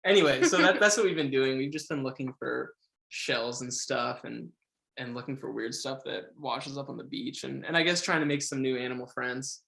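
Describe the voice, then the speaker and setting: Young musician dude, gravelly voice, super excited, says like a lot. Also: male voice, medium pitch, normal speed. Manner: enthusiastic, gushing, heavy use of "like". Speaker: musician guest. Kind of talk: casual interview chat.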